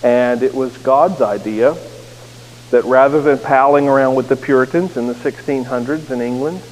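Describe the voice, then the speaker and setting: A pastor from the United States preaches a sermon in a church sanctuary, earnest but with touches of self-deprecating humor. He has a neutral American accent and a mid-range, slightly mellow voice at normal speed. The sanctuary sounds echoey, with faint hiss.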